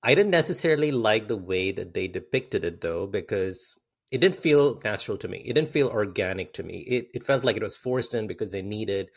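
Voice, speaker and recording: Slightly low-voiced man discussing films. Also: lively intonation, brisk, slightly rough. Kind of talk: casual conversational film discussion.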